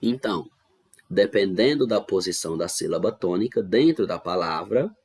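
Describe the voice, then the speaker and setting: A man's voice: deep voice, animated, normal speed, a little mellow, slightly rough. A man with a Brazilian Portuguese accent teaching an online grammar lesson, patiently explaining step by step and often checking that students follow. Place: home recording for online class.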